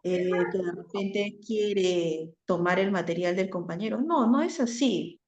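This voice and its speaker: A woman's voice: mid-range voice, unhurried, darkish tone, a little hiss or hum. Woman, online class lecturer, hesitant tag-heavy delivery, roomy dull recording. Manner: frequent "¿no?" tags and hesitations.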